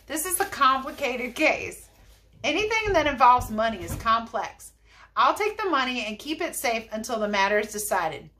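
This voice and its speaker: A woman's voice: a little high, big pitch swings, normal speed, pushed and bright, a little hiss or hum. A woman voicing a self-important male policeman in a storybook reading, firm and matter-of-fact. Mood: officious.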